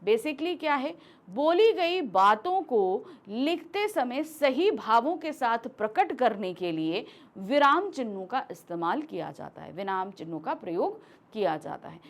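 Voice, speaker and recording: A woman's voice: fairly high pitch, sing-song, measured pace. A woman teacher explaining a grammar lesson step by step, acting out example sentences as she goes.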